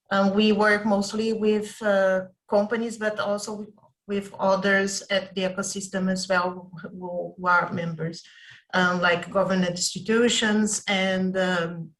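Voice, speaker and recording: A woman introducing herself as a project coordinator on a video call, measured with soft fillers. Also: medium pitch, poor audio. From Brazil.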